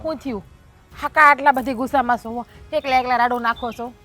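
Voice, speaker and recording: An actress playing a level-headed village wife who chides her husband and urges calm, with a Kathiawadi Gujarati accent. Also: on the high side, a little fast, soft background music. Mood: concerned. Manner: chiding, urging calm. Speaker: wife of the elder brother. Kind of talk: rural family drama acting.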